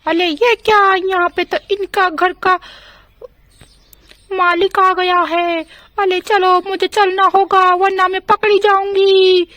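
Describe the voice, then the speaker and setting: A woman voicing a boastful female witch in a doll storybook, with a shrill, taunting manner and cackling laughs. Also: level tone, slow pace, fairly bright tone, dry recording, full character voice. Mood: alarmed.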